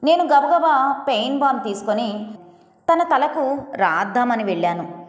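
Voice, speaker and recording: A woman narrating an audio story in the first person as a mother, with gentle, expressive storytelling. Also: high voice, unhurried. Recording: echoey room with long reverb.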